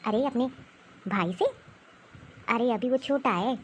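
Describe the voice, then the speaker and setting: A woman voicing a sharp-tongued, scornful older grandmother in a cartoon who taunts her granddaughters. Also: a little high, takes it slowly, a little hiss or hum. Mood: scolding. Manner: scolding, taunting. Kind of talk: cartoon voice acting.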